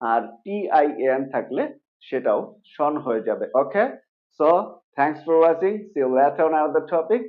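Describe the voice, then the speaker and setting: A man with a Bangladeshi Bengali accent teaching English pronunciation in a video lesson, repeating each word slowly and asking his own questions, then answering them. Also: a little high, lively intonation. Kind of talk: video lesson explaining rules. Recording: tinny phone-like recording.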